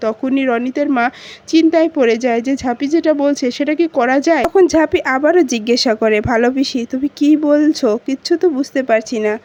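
High-voiced woman retelling a drama. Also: brisk, a little mellow. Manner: retells every character's lines in her own voice. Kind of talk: casual narration with quoted dialogue. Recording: dull lo-fi recording.

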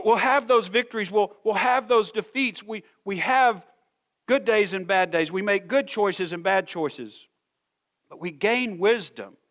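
A middle-aged man preaching a sermon in a church, emphatic and earnest, repeating words as he builds a point. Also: a little high. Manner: slows to a soft, measured pace for scripture reading. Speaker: senior pastor. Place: church sanctuary.

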